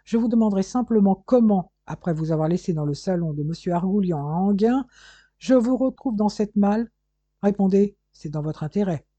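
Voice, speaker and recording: List: reader doing a sardonic male cop, grumbling, mocking, raised voice, very dark tone, dry lo-fi sound. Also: mid-range voice, lively intonation, moderate pace, dry recording, pitched above the performer's own voice, close to an everyday voice. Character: sardonic, stubborn male police inspector. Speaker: police inspector. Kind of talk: audiobook character reading. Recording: dull, dry lo-fi recording.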